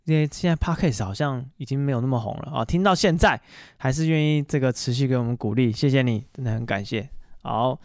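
A man hosting a podcast, casually telling stories alone and pausing on fillers as he goes. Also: medium pitch, dry recording, studio quality. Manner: chatty, animated retelling full of fillers. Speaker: podcast host. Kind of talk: casual solo storytelling monologue.

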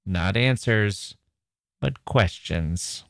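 A native English-speaking man hosts a literature podcast, narrating from a script as he walks listeners through his notes. His fairly low, expressive voice moves very slowly, with vocal fry. He's chatty, wry and self-mocking, full of asides.

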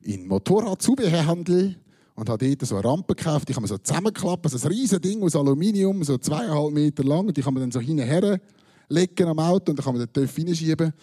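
A man's voice: a little high, expressive, fast, dark tone, breathy edge. A man from Switzerland with a Swiss German accent, telling a personal anecdote with dry, self-mocking humor and punchline timing. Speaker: storyteller. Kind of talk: personal anecdote told to an audience.

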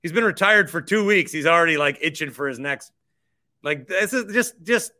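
A sports podcast host with a highish, sharp voice talks at a moderate pace with lively intonation. He's conversational and opinionated, repeats phrases for emphasis, and does sponsor reads.

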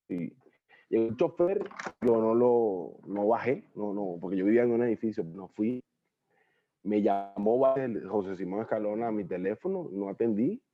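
Animated Venezuelan man telling stories. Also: fairly low pitch, phone-quality sound. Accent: Venezuelan Spanish. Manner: animated, acts out quoted voices, slangy. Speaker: interview guest, actor. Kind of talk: casual storytelling interview.

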